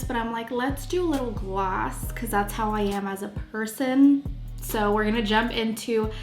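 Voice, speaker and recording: Beauty vlogger, woman, chatty and playful, slightly high voice, roomy sound with faint music. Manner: chatty and playful, trails off mid-sentence. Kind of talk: casual makeup tutorial chat.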